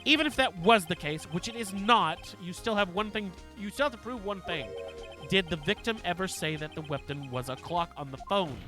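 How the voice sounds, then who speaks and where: A woman's voice: on the low side, expressive, normal speed, fairly bright tone, soft background music. A woman playing a smug, haughty male prosecutor. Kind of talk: live game voice-over reading.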